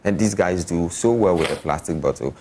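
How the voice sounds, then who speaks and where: Deep-voiced man explaining. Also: fairly quick, darkish tone, slight background noise, rough recording. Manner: explanatory, often checking the listener follows. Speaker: artist. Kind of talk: casual interview talk.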